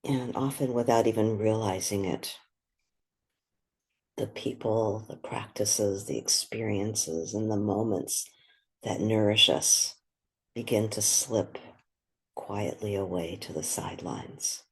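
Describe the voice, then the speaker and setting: Speaking very slowly, a meditation guide leads the listener step by step in a soft, husky, breathy voice of medium pitch. Short, gentle phrases are separated by long pauses, and nothing about the delivery feels hurried.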